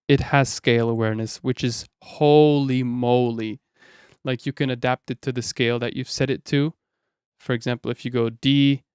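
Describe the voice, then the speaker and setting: A man demonstrating music software in a casual stream, excited and slangy, talking into a studio vocal mic in a home studio. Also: smooth, dry recording. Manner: excited, slangy, thinks aloud. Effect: robotic pitch-shifting auto-tune.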